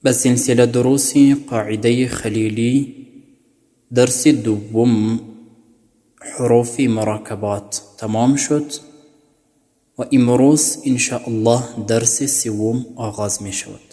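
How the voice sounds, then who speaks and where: A male teacher, of middling pitch, leads a slow classroom lesson on reading the Quran. He patiently spells out each term in careful, repeated lists. His voice carries a long reverb. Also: steady tone, dark tone.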